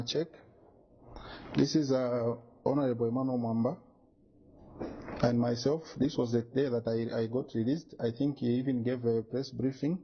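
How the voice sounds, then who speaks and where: A man's voice: mid-range voice, muffled recording, a little hiss or hum. A man giving an interview, insistent and indignant as he talks through his evidence. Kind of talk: press interview.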